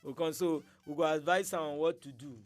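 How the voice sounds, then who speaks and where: A male radio host with a Nigerian accent chats in Nigerian Pidgin. His voice sits fairly high, and he tells stories in an animated, casual way, voicing other people's words. Music plays behind him. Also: a little fast. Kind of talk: casual chat and storytelling.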